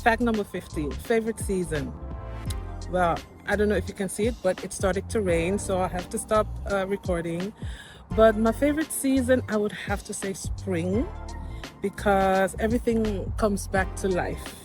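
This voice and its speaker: With a medium-pitched voice at normal speed, a Dutch-speaking woman from Suriname presents her personal vlog as a life coach. She chats casually and expressively by a field outdoors while music plays in the background.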